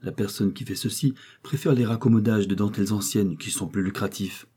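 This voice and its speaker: A man reading the part of a calm, self-assured young woman lacemaker in an audiobook novel. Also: on the low side, brisk, slightly rough. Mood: composed. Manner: cool, even, self-assured replies.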